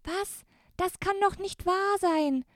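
A woman voicing a young girl who speaks in a high, whiny, plaintive way. The girl is upset and indignant. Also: slow pace, a bit bright, dry recording, clean studio sound, full character voice.

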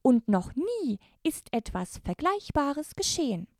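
A woman voicing a small female Christmas elf who speaks in a very high, formal and courtly way. The elf is polite but urgent. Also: big pitch swings, takes it slowly, darkish tone, dry recording, clean studio sound, exaggerated voice. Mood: earnest.

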